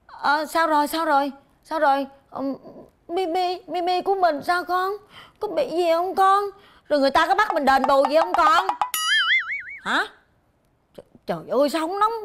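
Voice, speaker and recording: A woman playing a fussy dog-doting mother, high voice. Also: noisy background, close to an everyday voice. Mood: worried. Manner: chatty, dramatic storytelling, indignant. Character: fussy, hot-tempered middle-aged mother doting on her dog. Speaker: dog-owning mother in a traffic-safety skit. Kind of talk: televised comedy sketch acting. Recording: music bed under the dialogue.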